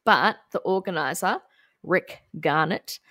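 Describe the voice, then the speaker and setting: A woman with an Australian accent co-hosts a podcast, telling a story in a chatty, giggly way. Her voice sits fairly low. The recording is dry and close, with no room sound. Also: a little slow, a bit bright, dry recording. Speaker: podcast co-host. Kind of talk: casual chat.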